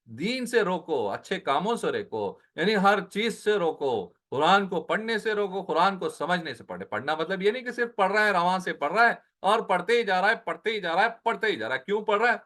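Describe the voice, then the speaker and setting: A man giving a Quran translation lesson, explaining word by word, asking rhetorical questions and slowing down on Arabic words. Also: high-pitched, sing-song, fairly bright tone. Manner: explains word by word, mixing in English phrases; slows down on Arabic words, repeats them. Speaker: Quran teacher.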